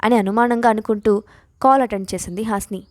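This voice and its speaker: A woman storyteller giving scripted audio-story narration in a steady, even manner. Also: on the high side, fast, no echo, studio quality.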